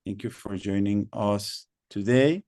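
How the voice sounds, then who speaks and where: Man, webinar host, unhurried, lowish voice, patient, repeats himself, video call. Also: a little mellow, dry recording, studio quality. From Mexico. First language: Spanish. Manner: patient, repeats instructions, many fillers. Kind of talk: online webinar moderation.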